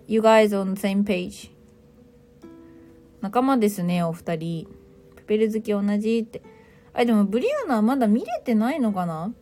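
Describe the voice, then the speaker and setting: A woman's voice: on the high side, darkish tone. A woman hosting a casual livestream, chatting playfully, teasing listeners as she reads their comments and mixing in English phrases. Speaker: livestream host.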